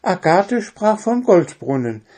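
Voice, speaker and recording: A tiny storybook bird with a very high, squeaky voice that keeps pushing the others along. It sounds shrill and impatient, with the lines pitched far above a normal speaking voice. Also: male voice, very animated, slow pace, darkish tone, breathy edge, exaggerated voice. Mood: urging. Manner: pushy, urging. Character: shrill excitable little bird.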